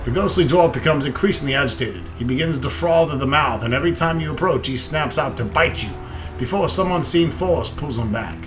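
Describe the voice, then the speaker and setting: A man's voice: on the high side, animated, brisk, music in the background. A man hosting a let's play, reading game narration aloud dramatically with casual commentary.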